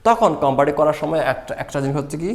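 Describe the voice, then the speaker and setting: A man's voice: fairly high pitch, animated, very fast. A man teaching a grammar lesson, explaining step by step and answering his own questions.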